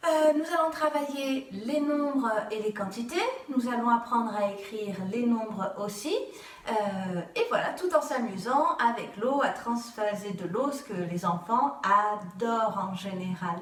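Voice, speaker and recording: A woman's voice: fairly high pitch, measured pace, distant mic. A woman teacher giving a patient home video lesson to young children, often checking they follow. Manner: patient, keeps asking "d'accord?". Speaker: kindergarten teacher. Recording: roomy sound, voice set back from mic.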